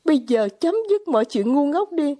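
A woman's voice: high voice, big pitch swings, normal speed, breathy edge, full character voice. A woman voicing a capricious young girl who gives urgent, commanding, pleading orders in an audiobook reading. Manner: urgent, bossy, near-shouting pleas. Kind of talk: audiobook character voice.

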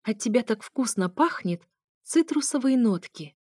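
A woman's voice: a little high, expressive, unhurried, a little mellow, husky, dry recording, clean studio sound, pitched above the performer's own voice. Nastya, a purring flirt, as a woman puts her on. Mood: flirty. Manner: purring, mocking.

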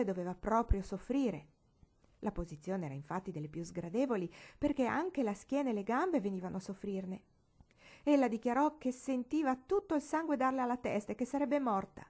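A woman narrating an old novel aloud. She reads in a measured, expressive way, letting each phrase settle, with a voice of middling pitch. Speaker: reader. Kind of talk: audiobook reading of a novel.

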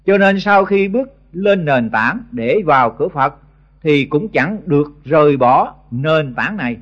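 On an old, lo-fi tape, an older male Buddhist monk teacher with a Southern Vietnamese accent delivers a blunt, scolding sermon to monks. His fairly high voice is animated but a little slow, and he often trips over repeated words.

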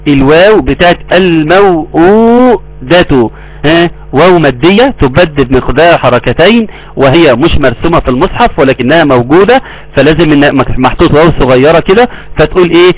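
A middle-aged man with an Egyptian Arabic accent teaching Quran recitation in a live lesson. He explains to his students and then draws the verses out slowly. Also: a little high, animated, poor audio.

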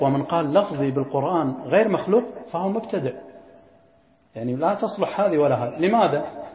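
Brisk sheikh, fairly high voice, quizzes his class, echoey lo-fi hall recording. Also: a little mellow. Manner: quizzes students, repeats key phrases. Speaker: sheikh teaching a creed text. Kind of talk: classroom lesson.

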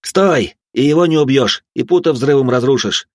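A man reading an audiobook voices the first-person hero, a tough young conjurer who shouts commands and incantations. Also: medium pitch, fairly even intonation, slow pace, no echo, clean studio sound, pitched above the performer's own voice, natural voice. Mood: alarmed. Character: tough young male demon-fighting conjurer, defiant.

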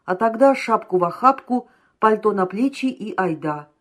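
A woman reading an audiobook, voicing a brisk, cheerful man who urges his friend to hurry. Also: mid-range voice, animated, lightly acted. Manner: brisk, urging.

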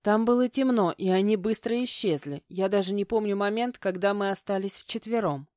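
A woman acts out a distressed teenage girl who pleads in agitated, tearful bursts. The voice rises higher and louder than the narration. It is recorded dry and close. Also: moderate pace, no echo, natural voice. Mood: distraught. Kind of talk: audiobook character voicing.

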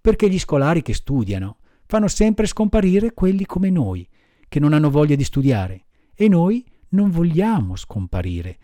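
A man's voice: on the high side, big pitch swings, moderate pace, mellow, no room sound. A man voicing a gang of rowdy schoolboys in a storybook reading, taunting and threatening. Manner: bullying, taunting.

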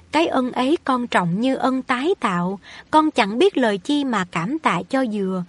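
A woman's voice: on the high side, no room sound. A woman voicing a poor, humble young woman who speaks formally in a storybook reading.

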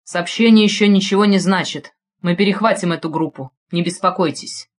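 A woman's voice: on the low side, lightly acted. A woman reading a cold, commanding boss man. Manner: level, unhurried, authoritative. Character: calm, commanding man used to giving orders. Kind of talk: audiobook character voice.

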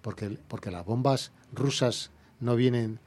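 A man with an Andalusian Spanish accent appears as an environmental activist guest on a radio interview, speaking heatedly and firing off rhetorical questions. His voice is mid-range with a darkish tone and a slightly slow pace.

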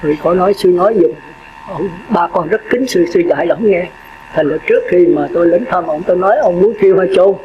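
An older monk preaches in a high, folksy voice. He chats, laughs and quizzes his listeners. The recording is dull and echoey, with steady noise underneath. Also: quick pace. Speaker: Buddhist monk teacher. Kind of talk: dharma talk sermon.

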